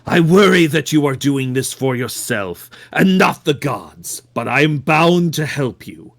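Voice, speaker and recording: A man plays a theatrical game villain, devout and menacing. He speaks very slowly with a gravelly creak, dwelling on each solemn phrase with dramatic swings of pitch. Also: expressive. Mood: solemn menace. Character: slow, menacing, devout male villain obsessed with gods. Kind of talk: dramatic video game character read-aloud.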